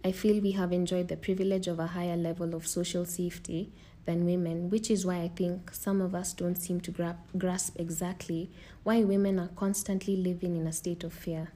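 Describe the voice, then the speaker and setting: A woman's voice: lowish voice, little pitch movement, moderate pace, dark tone. A woman with a Kenyan accent hosting a podcast, talking and reading aloud to her listeners. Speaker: podcast host. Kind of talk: podcast talk, partly read aloud.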